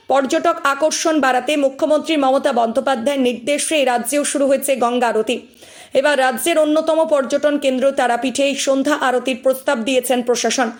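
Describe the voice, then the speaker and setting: A high-voiced woman reads a scripted news segment. Her delivery is formal and even. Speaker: news reporter.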